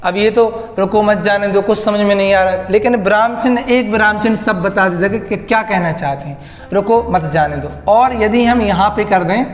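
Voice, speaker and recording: A man's voice: high-pitched, fairly quick, hardly any pauses. A man teaching a grammar lesson to students, repeating key words back as questions. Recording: echoey room with faint music.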